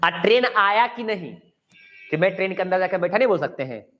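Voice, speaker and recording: A man from India with a high, expressive voice teaches English grammar in a coaching class, talking a little fast and mixing Hindi with English. He encourages students and repeats key words for them to say back, though the audio sounds dull.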